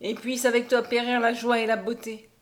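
A woman reading aloud and voicing a ferocious, wild-bearded man who shouts in exalted fury, in a storybook reading. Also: fairly high pitch, little pitch movement, moderate pace, natural voice. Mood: fierce. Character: fierce wild-bearded male zealot, ferocious.

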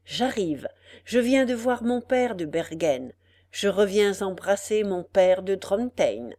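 A woman's voice: medium pitch, animated, slow, dark tone. A woman voicing an earnest young nobleman in love, speaking eagerly in a storybook reading.

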